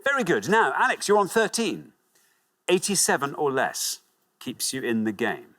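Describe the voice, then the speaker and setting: A man hosts a TV quiz show in a television studio with an audience, reading out questions and scores with upbeat encouragement. His voice swings widely in pitch, has a fairly bright tone, and moves at normal speed, making for lively game show hosting.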